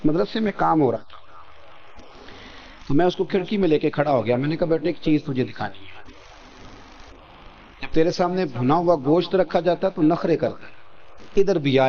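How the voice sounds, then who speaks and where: A man's voice: darkish tone, muffled recording. A male preacher with a Pakistani Urdu accent telling stories in a Friday sermon, calling on the congregation to pay attention and acting out voices. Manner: asks the crowd for attention and responses; acts out story voices in shifting pitch.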